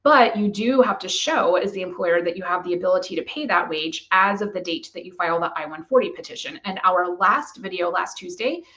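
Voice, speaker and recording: A woman immigration lawyer giving a measured, methodical explanation to camera. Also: on the low side, bright, forceful tone, lo-fi sound.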